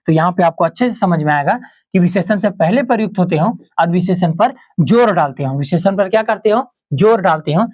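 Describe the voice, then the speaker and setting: A man teaching a Hindi grammar lesson for exam preparation, who keeps asking questions and answering them himself, repeating each example and slowing down on key terms. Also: a little mellow, muffled recording. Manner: slows down and drops low on key terms.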